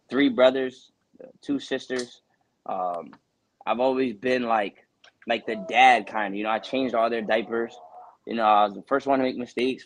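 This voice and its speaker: A man's voice: medium pitch, dry recording. Earnest young man rambling about his path. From Connecticut, USA. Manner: earnest, rambling, many "you know" fillers. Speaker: boxer, interview guest. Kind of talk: casual interview talk.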